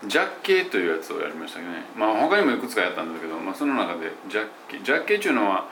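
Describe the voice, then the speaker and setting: A man who teaches English pronunciation, chatting loosely in an audio diary with many fillers and self-corrections, and slowing down to demonstrate English phrases. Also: fairly low pitch, big pitch swings, vocal fry, pushed and bright, slight background noise. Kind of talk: casual spoken audio diary.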